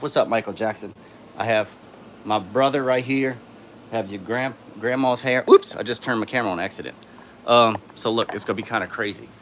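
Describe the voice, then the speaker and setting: A man's voice: fairly bright tone, slight background noise. Tired man with a sore throat. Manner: laid-back, tired, low-key. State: sore throat, speaking softly. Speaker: YouTuber hosting a live stream. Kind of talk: casual live-stream chat, reading out and answering viewer comments. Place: indoors in his home studio. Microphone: phone.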